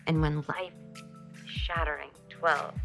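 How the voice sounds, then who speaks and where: A bold seductress in a TV drama, purring in a low, gravelly voice. She teases in breathy, half-whispered phrases. Soft music hums underneath. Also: steady tone, slow pace, exaggerated voice. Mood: seductive. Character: bold seductive woman, former flame of a lawyer.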